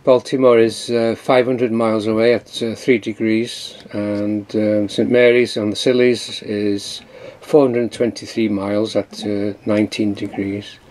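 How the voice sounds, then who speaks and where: On his sailboat, sometimes at sea and sometimes in harbour, a lone sailor records a rambling, hesitant video diary full of ums and uhs. He speaks unhurriedly at a fairly low pitch with little variation, hardly pausing, in a slightly mellow voice. The camera audio is noisy, with wind and water in the background.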